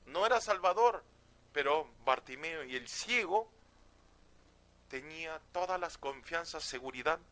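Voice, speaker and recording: A male pastor preaching. His voice is high and bright, and he presses hard on key phrases. He checks in with his listeners again and again. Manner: emphatic, often asks "¿sí?" and "Amén". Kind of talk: sermon.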